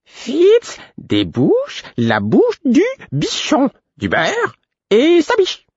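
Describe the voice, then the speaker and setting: A man voicing a strange pale male jester with a high, fluting voice who chants a sing-song riddle. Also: wildly swooping pitch, extremely slow, no echo, lo-fi sound, full character voice. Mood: insistent.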